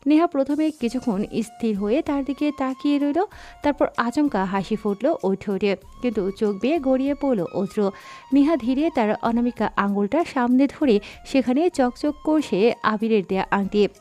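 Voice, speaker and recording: A woman narrating a dramatic story in an expressive, scripted reading. Her voice sits a little high, with faint music playing underneath. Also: moderate pace. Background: faint background music.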